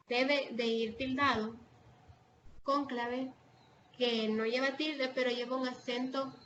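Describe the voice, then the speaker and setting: A woman with a Salvadoran accent teaching an online class, hesitating with fillers and restarts as she explains. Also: on the high side. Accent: Salvadoran Spanish. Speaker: online tutor. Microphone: video call. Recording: dull lo-fi video call audio with faint noise.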